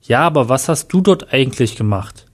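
A man's voice: mid-range voice, lively intonation, fairly quick, natural voice. A man voicing a guilty, defensive father in a read-aloud story. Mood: tense. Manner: defensive, pleading.

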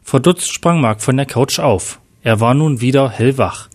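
A man narrating a story with plain, steady reading. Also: medium pitch, measured pace. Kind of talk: read-aloud story narration.

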